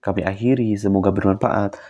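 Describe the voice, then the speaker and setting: A male teacher, narrating a video lesson and addressing his students directly in a steady, explanatory way. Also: on the low side, fairly quick. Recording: dull lo-fi recording.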